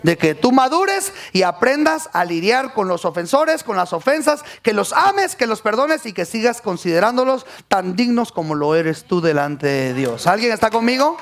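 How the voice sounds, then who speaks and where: A man's voice: sits high, very animated, moderate pace, gravelly, hardly any pauses. A man preaches from the pulpit. He rises and falls as he speaks, calling out questions to his congregation. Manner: preaching with rising calls to the congregation. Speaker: pastor. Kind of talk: sermon.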